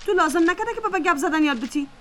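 A woman's voice: expressive, a little hiss or hum. A woman playing a spoiled, hostile boss's daughter. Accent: Afghan Dari. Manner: shrill, insulting, shouting.

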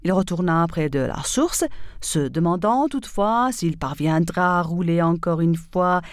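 Slow, expressive woman telling a fable. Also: fairly low pitch, no room sound, clean studio sound. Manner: measured, expressive storytelling. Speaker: storyteller. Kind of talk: fable narration.

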